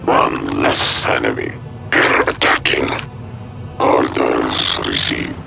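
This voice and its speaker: A man voicing a gruff alien soldier in a video game, barking terse, guttural, obedient battle replies in simple broken phrases. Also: a bass voice, takes it slowly, full character voice, poor audio. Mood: gruff, martial. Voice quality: guttural, gravelly. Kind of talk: video game unit responses. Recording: music behind the voice.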